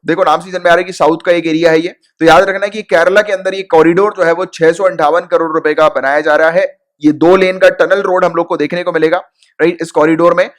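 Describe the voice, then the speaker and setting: A young man runs an informal exam-coaching lesson in a slightly raised voice. He repeats the key points, mixes in English words and keeps checking with his students. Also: a little high. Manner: mixes English terms into Hindi. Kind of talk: casual Hindi exam-prep lecture.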